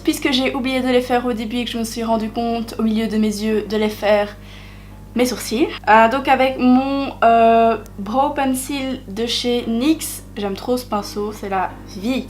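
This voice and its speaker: A woman's voice: fairly high pitch, measured pace, slight background noise. A young woman talking through a makeup tutorial in a chatty way, with many hesitations and self-deprecating asides. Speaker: beauty vlogger.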